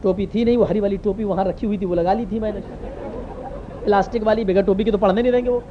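A man from Uttar Pradesh, India, preaching a sermon through lively anecdotal storytelling. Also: sits high. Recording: muffled lo-fi recording with faint hiss.

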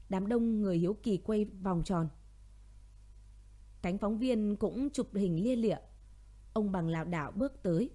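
A woman reading a dramatic audio story as narrator, in a steady, dramatic storytelling manner. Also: medium pitch.

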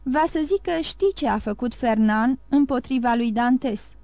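A woman voicing a calm, sly male priest who talks in an even, coaxing way in an audiobook. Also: a little high, dry recording, natural voice.

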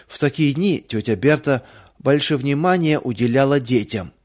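Man narrating, children's bible story, gentle reading, mid-pitched voice. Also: lively intonation, moderate pace.

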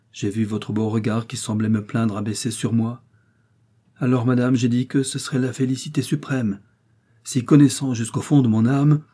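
A man's voice: mid-range voice, warm tone, husky, natural voice. A man reading the part of a young knight in love, impassioned and lifting his voice on his pleas. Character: young knight, ardent and despairing lover. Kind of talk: audiobook reading.

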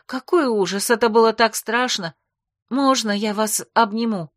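A woman voicing an emotional, excitable young noblewoman friend who gushes in exclamations. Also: medium pitch, moderate pace, no echo, clean studio sound, natural voice. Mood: excited.

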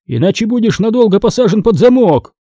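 A man's voice: high-pitched, big pitch swings, brisk, mellow, dry recording, clean studio sound, pitched above the performer's own voice. A man reading a storybook, voicing a stern, irritated father who barks curt orders. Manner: curt commands.

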